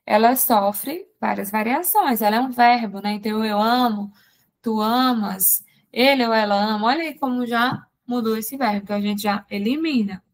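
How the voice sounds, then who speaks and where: Woman teacher, slightly high voice, unhurried exam-prep grammar lesson, answers her own questions as she goes. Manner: explains step by step with quick rhetorical questions. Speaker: Portuguese teacher.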